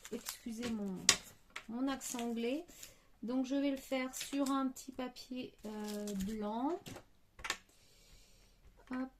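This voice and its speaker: A woman's voice: high-pitched, fairly even intonation, slow, long pauses, background noise. A woman hosting a card-making tutorial, thinking aloud with many hesitations. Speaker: crafting tutorial host.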